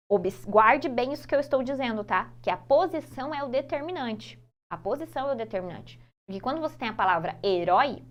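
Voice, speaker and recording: Recorded on a phone, a Brazilian woman with a high-sitting voice teaches Portuguese grammar for exam prep. She explains patiently, repeats key points, and draws out example words slowly.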